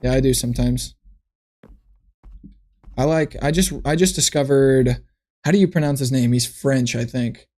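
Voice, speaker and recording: A man's voice: mid-range voice, moderate pace, pauses often, mellow. A man streaming from his computer, thinking aloud in a loose, rambling way with frequent restarts as he chats to viewers. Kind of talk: casual livestream chat.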